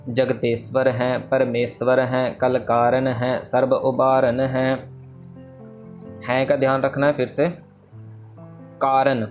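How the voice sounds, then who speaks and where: Young male teacher, patient and methodical, slightly dull recording with faint music beneath. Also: medium pitch. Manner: patient, breaks words down slowly and repeats them; mixes English words into instruction. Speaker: Gurbani pronunciation teacher. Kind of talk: slide-based lesson on scripture pronunciation.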